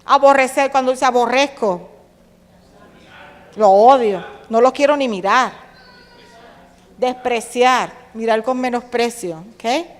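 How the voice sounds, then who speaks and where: Preaching in a Caribbean Spanish accent, this woman pastor speaks slowly in a voice on the high side, pausing often. She puts questions to the congregation and drops into sarcastic quoted voices, with long hall reverb on the recording.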